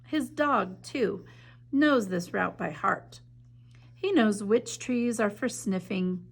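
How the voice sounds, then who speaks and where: A woman teacher with a medium-pitched voice and distinct vocal fry gives a slow picture-book read-aloud, measured and gentle, quieting down at hushed moments. Then she discusses the artwork with chatty enthusiasm.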